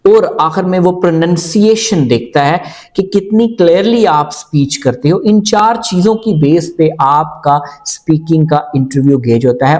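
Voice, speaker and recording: A man teaching as an IELTS coach, explaining calmly and mixing English phrases into his Hindi-Urdu, slowing down to model sentences word by word. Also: on the high side. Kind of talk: instructional video lecture.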